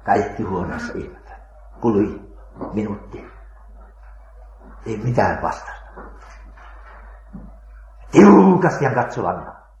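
A man's voice: on the low side, sing-song, long pauses, darkish tone, reverberant, muffled recording, a little hiss or hum. An older man, a missionary preacher, telling a dramatic testimony with hesitant fillers. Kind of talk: storytelling testimony.

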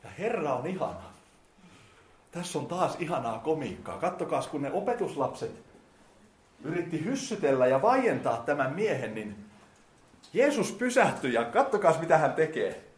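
A man preaching a sermon, talking directly to his listeners in casual speech and swinging between quiet and loud. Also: fairly high pitch, big pitch swings. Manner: addresses listeners directly, colloquial. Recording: echoey hall.

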